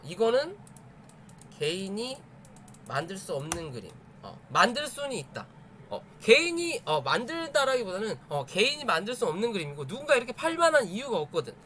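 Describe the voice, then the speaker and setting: Hosting a stock chart study stream, a man with a high, slightly bright voice gives an informal live lesson explaining stock charts. He's emphatic, repeating phrases and checking understanding with rhetorical questions, over a little hiss or hum.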